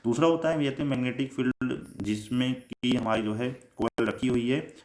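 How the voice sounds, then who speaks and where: In an echoey room, an Indian-accented man gives a step-by-step electronics lecture, reading definitions and paraphrasing them while repeating points and slipping in English technical terms. He speaks at normal speed in a mid-range, darkish voice with a steady tone.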